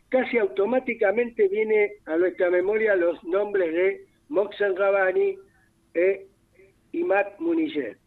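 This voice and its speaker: A man with an Argentine accent, a radio columnist reading a formal, dense prepared column in a measured way. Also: sits high. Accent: Argentine Spanish. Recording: tinny phone line.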